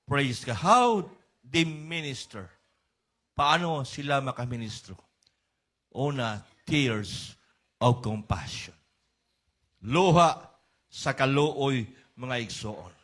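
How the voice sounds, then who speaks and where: A middle-aged man with a Cebuano accent preaching a sermon, mixing English and Cebuano and rising to high, emphatic peaks. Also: animated, slow pace, pauses often, a bit bright. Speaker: pastor.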